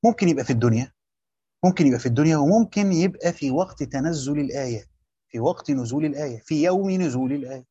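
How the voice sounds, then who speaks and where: A man's voice: a little high, lively intonation, racing, warm tone, slightly rough, no room sound. A man teaching a line-by-line commentary, repeating key phrases and answering his own questions. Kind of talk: explaining a text line by line. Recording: dry, dull lo-fi recording.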